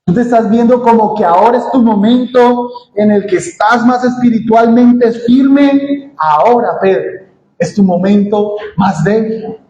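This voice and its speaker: Solemn grave teacher warning a friend, as a preacher puts him on, low slow delivery, echoey church. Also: male voice, warm tone, lo-fi sound, slight background noise.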